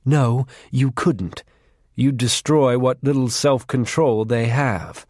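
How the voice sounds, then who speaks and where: A man voicing a calm, orderly female faery queen who speaks in a cool, curt, composed way. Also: mid-range voice, slow, dry recording, studio quality.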